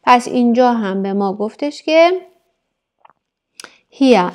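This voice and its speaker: A woman teacher leads a German lesson for Persian speakers. She stretches out each German word with care, then rushes through her explanations in a lively way. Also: medium pitch. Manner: slows down to pronounce German words carefully, then explains fast.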